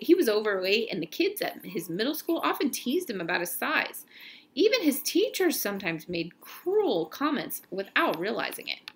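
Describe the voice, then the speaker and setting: At a medium pitch, a woman reads aloud from a children's novel with expressive, storyteller-like delivery. Every so often she trips over a word and fixes it.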